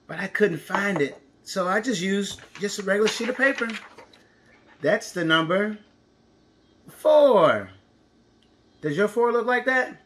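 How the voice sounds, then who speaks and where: A man's voice: high voice, bright, forceful tone. A man teaching an interactive counting lesson to young children, encouraging, with exaggerated reactions and lots of questions.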